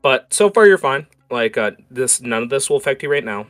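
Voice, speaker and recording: Man game-mastering in a halting, conversational way. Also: medium pitch, lively intonation, fairly bright tone. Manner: halting, conversational, prompting players. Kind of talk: improvised tabletop game narration and casual chat. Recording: music playing behind.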